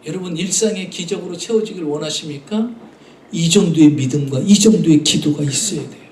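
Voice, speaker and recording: A man's voice: a little high, fairly quick, darkish tone, roomy sound, far from the mic, slight background noise. A man preaching a Sunday sermon as pastor, earnestly addressing the congregation and acting out voices in his stories. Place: church sanctuary.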